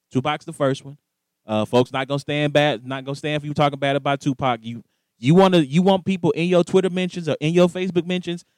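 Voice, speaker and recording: A man's voice: mid-range voice, dry recording. A man hosting a casual sports talk show, telling stories with lots of energy and acting out the lines he quotes. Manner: animated storyteller, acts out quoted voices.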